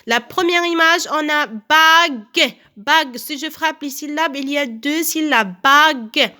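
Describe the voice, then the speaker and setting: A woman teacher giving a recorded phonics lesson to children, slowly repeating each word and breaking it into syllables. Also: high-pitched, bright, forceful tone. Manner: slow, careful, repeats words and claps out syllables. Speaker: primary school teacher.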